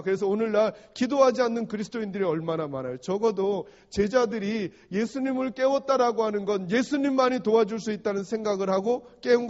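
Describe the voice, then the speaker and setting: A man preaching a sermon as pastor, often asking the congregation questions and acting out short quotes. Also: high voice. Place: church sanctuary. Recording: dull sound with long hall reverb.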